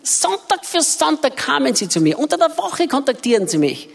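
A woman interpreting a preacher's sermon, her voice pitched a little high and swinging widely as she tells the story with emphatic, expressive delivery. The sound rings with a long hall reverb. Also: moderate pace, gravelly, slight background noise.

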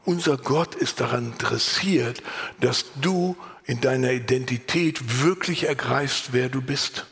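A pastor preaching a sermon, earnest and lively, sometimes dropping to a whisper and then rising for emphasis, with a voice he himself calls unusual. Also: mid-range voice, measured pace, big-room sound. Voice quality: husky. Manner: earnest, varied, drops to whispers and rises for emphasis. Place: church.

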